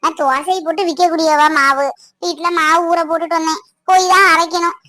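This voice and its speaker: High bright village lady griping nonstop, cartoon, woman voicing. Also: steady tone, a little fast, no echo. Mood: annoyed. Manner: complaining, scolding. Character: fed-up village woman selling dosa. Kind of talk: cartoon voice acting.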